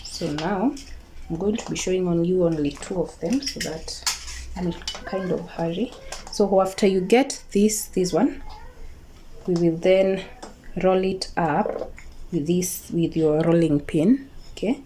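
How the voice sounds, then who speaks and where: A mellow, low-side voice at a measured pace belongs to a Kenyan home cook with a Kikuyu accent presenting a casual recipe video. She repeats her words, checks in with viewers, and blends some Swahili into her English. Kitchen clatter runs through the clearly noisy home recording.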